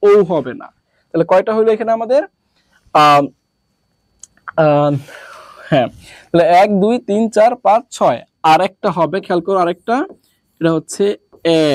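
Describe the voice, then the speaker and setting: A man from Bangladesh teaching a classroom lesson, asking questions and answering them himself in a lower voice, drilling through repetition. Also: no echo.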